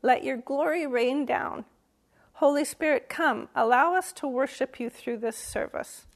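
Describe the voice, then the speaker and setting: A woman's voice: high-pitched, measured pace. An older woman giving a church Advent message to camera, telling a wry story about herself with sudden emphatic outbursts. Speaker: lay church speaker.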